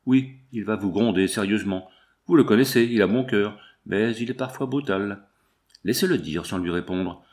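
A man's voice: lowish voice, normal speed, darkish tone, close to an everyday voice. A man voicing a greedy, scheming foreman in an audiobook, brooding and muttering. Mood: earnest.

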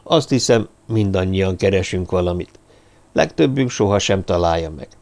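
A man playing a quiet, gravelly, weary drifter. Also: deep voice, expressive. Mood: musing. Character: brooding American drifter, weary, secretive.

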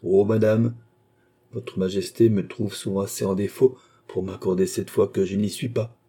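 A man's voice: lowish voice, steady tone, moderate pace, warm tone, breathy edge. A man reading an audiobook, voicing a suave male police chief who speaks with polite, smug deference.

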